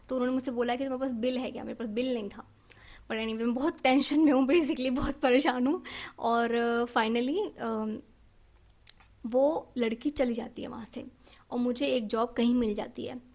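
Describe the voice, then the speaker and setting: A young woman with a high, light voice recounts a personal ordeal on her vlog. She talks with feeling, stumbles through fillers and restarts, and drops English words into her speech. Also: a little mellow. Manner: emotional, frequent fillers and self-corrections, mixing in English words. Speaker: vlogger. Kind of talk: personal storytime.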